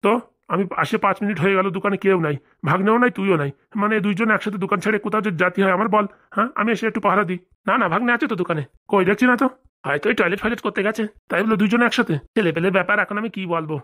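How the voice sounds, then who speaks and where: A woman's voice: mid-range voice, rapid-fire, a bit bright. A woman voicing characters in a comedy cartoon, chatty and scolding. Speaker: cartoon voice actor. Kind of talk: cartoon voice acting.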